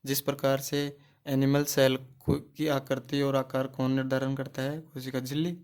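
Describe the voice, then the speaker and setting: A man with a darkish, medium-pitched voice and flat delivery teaches biology at normal speed in an exam-prep lecture. He raises questions, gives the answers himself and repeats key terms.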